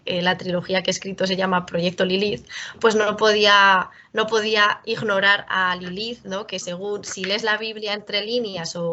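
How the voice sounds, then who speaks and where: A woman's voice: medium pitch, fairly bright tone, dull audio. A woman gives a university talk as a writer, speaking conversationally with frequent rhetorical tag questions and self-corrections. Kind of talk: lecture.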